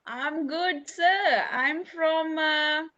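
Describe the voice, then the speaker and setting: A woman's voice: high voice, extremely slow, pushed and bright, muffled recording. A woman with a Malaysian English accent hosting an informal online discussion, chatty with many fillers, on a video call. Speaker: academic host of online session.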